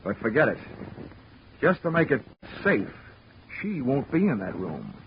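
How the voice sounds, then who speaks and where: In a lo-fi 1940s radio broadcast with music, an actor narrates as a hard-boiled insurance investigator, the drama's lead, cracking dry, wry jokes about his case. His mid-range voice swoops wildly in pitch, he speaks a little slowly, and there's background noise.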